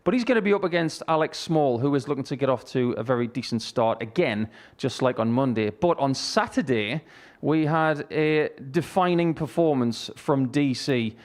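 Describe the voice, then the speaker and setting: A man's voice: medium pitch, animated, moderate pace. A man presenting live darts coverage and commentary.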